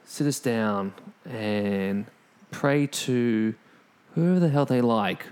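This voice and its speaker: A man's voice: mid-range voice, takes it slowly, a little mellow, clean tone. A man co-hosting a podcast in casual chat, joking, with stammering restarts, in a small makeshift home studio. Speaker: podcast co-host.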